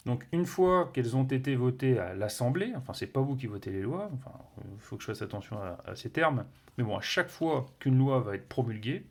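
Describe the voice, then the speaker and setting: A man's voice: medium pitch, expressive, brisk, hardly any pauses. A man reviewing a board game, explaining its rules casually with many fillers, restarts and playful sound words. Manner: hesitant, many fillers and self-corrections.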